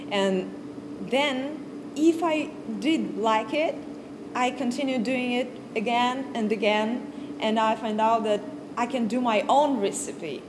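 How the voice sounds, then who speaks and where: A young woman from Kazakhstan giving an informal music talk to a class, in unhurried English, searching for words and restarting often. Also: a little high. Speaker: guest music lecturer. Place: large stage with piano. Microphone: far camera, no handheld mic. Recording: audible background noise on stage.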